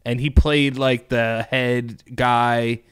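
A man co-hosting a casual podcast, telling stories with lots of swearing and animated delivery. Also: mid-range voice, slow pace, clean tone. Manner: profane, animated storyteller. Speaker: podcast co-host. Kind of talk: casual chat.

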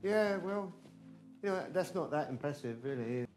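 Guy doing nervy young english bloke, stammers a lot, kinda high voice. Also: animated, moderate pace, darkish tone, faint music behind, natural voice. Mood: awkward. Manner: flustered, stammering, talks to himself. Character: nervous, rambling English museum worker, man.

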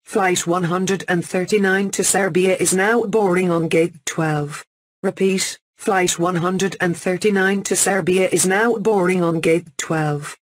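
A synthetic female voice playing an airport gate announcer, heard over the intercom with a flat, formal delivery. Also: fairly low pitch, a little slow, no room sound.

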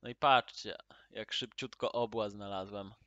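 A man with a lowish voice gives unhurried, casual gameplay commentary. He booms his greetings, drops to quiet muttering while he plays, and bursts into excited cries. The recording is dull, lo-fi and dry. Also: no room sound. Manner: loud upbeat greetings, then mutters quietly while playing; excited exclamations at in-game drops. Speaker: gaming channel host.

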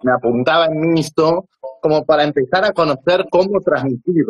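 A man's voice: a little high, normal speed, dull audio. A man with an Argentine accent chatting on a video call, campy, teasing and affectionate. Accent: Argentine Spanish. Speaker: comedian guest on a live stream. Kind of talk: casual live-stream chat.

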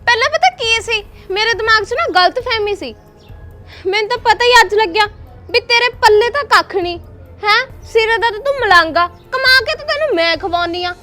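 A woman's voice: very high voice, animated, a little fast, soft background music, heavily acted. A woman acting a fed-up young wife who works as a housemaid and scolds her husband in a short drama film. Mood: angry, defiant. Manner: sharp-tongued, scolding, taunting.

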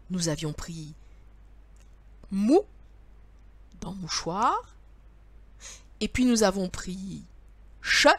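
A woman's voice: medium pitch, dry recording. A woman teacher leading young children through word riddles, patient and sing-song, speaking straight to the child.

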